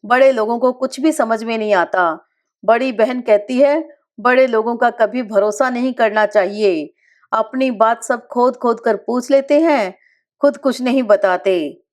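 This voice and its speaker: A woman reads a literary short story aloud at a slow, deliberate pace. Her voice sits a little higher than most, and she takes each line in a measured, unhurried way.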